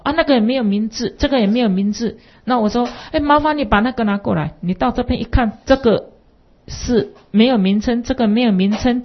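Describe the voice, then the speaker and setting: Brief: woman Buddhist lecturer, husky, filler-heavy, lo-fi recording. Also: fairly high pitch. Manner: rambling, many fillers and rhetorical questions. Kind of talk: dharma lecture with anecdotes. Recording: dull lo-fi recording.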